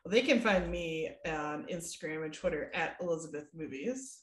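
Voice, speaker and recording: A woman's voice: deep voice, moderate pace, fairly bright tone, echoey room. A woman co-hosting a podcast in casual chat, chatty and loose, laughing easily. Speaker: podcast co-host.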